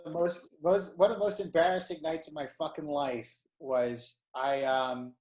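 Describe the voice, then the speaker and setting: Co-host, man, slightly high voice, swears casually, rambles through stories; echoey room. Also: fairly even intonation, moderate pace, a little mellow. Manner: profane, rambling storyteller. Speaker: podcast co-host. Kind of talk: casual chat. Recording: roomy echo.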